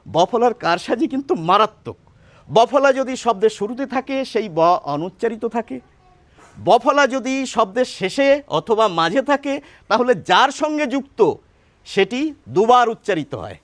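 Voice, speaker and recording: A man teaching a pronunciation lesson, his voice high and full of rises and falls. He explains patiently and keeps asking questions that he answers himself. The recording is dry and close, with no room sound. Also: expressive, moderate pace, a bit bright, dry recording. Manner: asks rhetorical questions and answers them.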